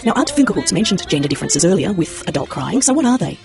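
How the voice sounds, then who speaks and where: Lively fast-talking woman host. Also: fairly low pitch, creaky, music in the background. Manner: inquisitive, leading questions. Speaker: radio host. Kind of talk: radio documentary presenting.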